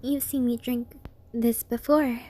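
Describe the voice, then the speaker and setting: A woman's voice: fairly high pitch, little pitch movement, slow pace, warm tone, voice pushed up. A woman voicing a cheerful, eerily friendly young female unicorn scientist in a story, chirpy and proud. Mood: breezy.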